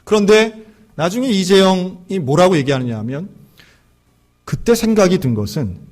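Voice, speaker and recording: A man's voice: high-pitched, expressive, moderate pace, darkish tone. A male pastor telling a story in a sermon, acting out the characters' dialogue.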